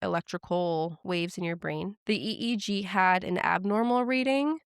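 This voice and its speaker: Woman host, casual podcast storyteller, smooth clear voice, dry close sound, chatty fillers. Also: lowish voice, normal speed, no echo. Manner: chatty retelling with frequent "like" fillers.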